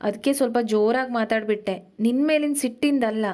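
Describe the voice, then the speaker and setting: A woman's voice: fairly high pitch, a little fast, close to an everyday voice. A woman voicing a tired young fiancé. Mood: apologetic. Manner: defensive, then softly apologetic. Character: weary young man, tender fiancé.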